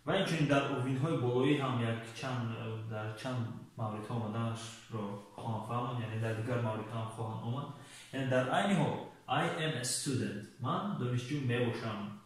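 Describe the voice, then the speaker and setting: A man teaching English vocabulary, speaking slowly and repeating each example word. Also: mid-range voice. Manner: slow, repeats words and spells out English examples. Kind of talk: classroom-style language lesson. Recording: echoey room, far from mic, faint hiss.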